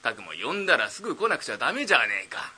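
A man voicing a blunt, gruff middle-aged uncle, in rakugo storytelling. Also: mid-range voice, big pitch swings, very fast, sharp tone, heavily acted. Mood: scolding. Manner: blunt scolding.

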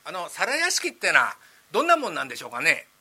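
A cocky young Edo tradesman, played by a man rattles off his story in rough old street talk. He sounds loud and bright, with a high voice that jumps around a lot. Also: huge pitch swings, fast, heavily acted. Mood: boastful. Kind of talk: rakugo storytelling.

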